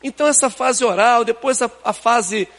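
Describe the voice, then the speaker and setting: High-voiced older Brazilian pastor preaching. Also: male voice, normal speed, a bit bright, long reverb tail. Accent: Brazilian Portuguese. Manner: conversational preaching, rhetorical questions, colloquial asides. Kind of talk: sermon. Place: church sanctuary.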